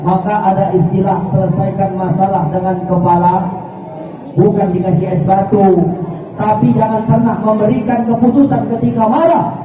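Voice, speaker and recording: A man's voice: high voice, normal speed. A male preacher giving a humorous sermon, joking with the audience and acting out scenes, in a mosque hall. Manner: lively, jokes with the audience, acts out scenes. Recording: echoey mosque hall, far from mic, dull sound.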